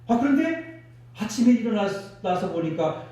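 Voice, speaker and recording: A male pastor preaches with a high, lively voice that swings up and down as he acts out quotes and leads call-and-response. The recording is very echoey, picked up from a distance in a church sanctuary. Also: a little slow. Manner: animated preaching with acted quotes, calls for congregation responses. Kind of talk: sermon. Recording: echoey church hall, mic from afar.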